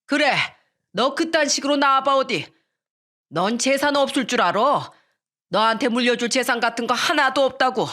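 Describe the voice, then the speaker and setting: A woman's voice: high voice, normal speed, sharp tone, voice pushed up. A woman voicing a hot-tempered, bullying father-in-law in his sixties in a storytelling radio drama, blustering and indignant. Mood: scornful.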